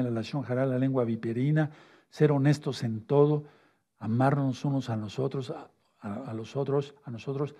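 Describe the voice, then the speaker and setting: Man preaching, husky dark voice, keeps asking "¿sí?", drags out key words. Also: mid-range voice. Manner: asks "¿sí?" and "¿de acuerdo?" often, repeats key words slowly. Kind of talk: sermon teaching with a whiteboard.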